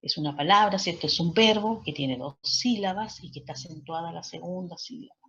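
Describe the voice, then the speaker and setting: Woman teacher going over rules, lowish husky voice, keeps asking "ok?", muffled lo-fi sound. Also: a bit bright. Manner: explains slowly in Spanish, checks with frequent "ok?" and "cierto?". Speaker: English teacher. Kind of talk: recorded online class lecture. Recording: muffled lo-fi recording.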